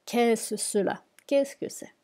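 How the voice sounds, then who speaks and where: A woman's voice: on the high side, slow, a little mellow, in a whisper. A woman teaching a reading lesson, patiently repeating each word and explaining it. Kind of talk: slow spoken lesson.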